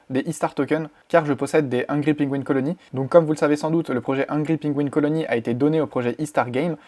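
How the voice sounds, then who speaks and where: A man's voice: medium pitch, darkish tone. A man presenting a casual news vlog in a chatty way, with plenty of fillers and restarts. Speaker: crypto YouTuber.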